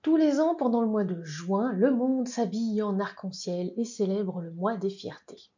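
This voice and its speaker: A woman hosts a casual explainer vlog, reading from sources and breaking off into chatty asides and hesitant fillers. Her voice sits at a middle pitch with a dark, mellow tone. The recording is dull and lo-fi. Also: lively intonation, moderate pace. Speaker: channel host.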